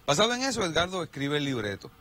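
A man's voice: on the high side, big pitch swings, quick pace, bright, forceful tone. A middle-aged man hosting a TV show, introducing the next act in an amused, scripted way. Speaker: TV host. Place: TV studio set.

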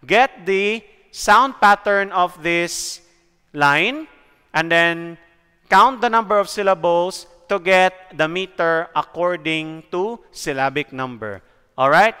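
A male teacher explaining a lesson slowly and deliberately, pausing to count and guide his students. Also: high-pitched, bright, forceful tone, smooth, big-room sound. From Philippines. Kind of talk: recorded classroom lesson.

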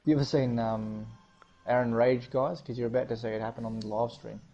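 A man's voice: mid-range voice, level tone, brisk, highs cut off. A man bantering and teasing his mates while gaming on a live stream. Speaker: gamer. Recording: loud background noise.

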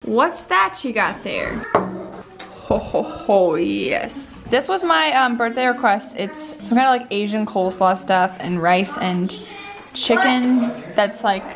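A woman's voice: medium pitch, lively intonation, measured pace, vocal fry, echoey room. A nineteen-year-old woman chatting casually in her vlog, bubbly and giggly. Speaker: vlogger.

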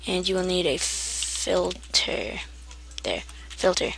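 Half-asleep and loose, a woman with a lowish voice that's bright yet gravelly talks slowly through a video game setup, her intonation lively. In this casual tutorial she rambles, trips on words, and chuckles at her mistakes in a self-deprecating way, with typing audible behind her.

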